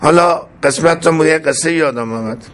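A man's voice: fairly high pitch, a bit bright. A man telling a folk tale in an informal, folksy way, with many asides. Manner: folksy and colloquial, with frequent asides. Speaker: storyteller. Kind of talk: informal oral storytelling.

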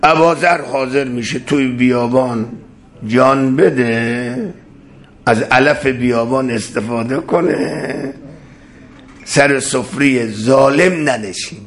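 A man preaching a sermon, reciting verse slowly and rising to loud, impassioned exclamations. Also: mid-range voice.

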